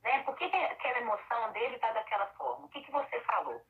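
Woman host, quick bright delivery, casual explainer tone, dull lo-fi recording. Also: on the high side, sing-song. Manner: explains with everyday examples and acted quotes. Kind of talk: casual chat on parenting and emotions. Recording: dull lo-fi sound.

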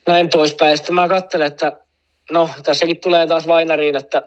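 A man's voice: fairly high pitch, flat delivery, lo-fi sound. Rambling Finnish-speaking man telling a story. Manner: rambling, full of fillers, laughs at own story. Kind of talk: casual anecdote.

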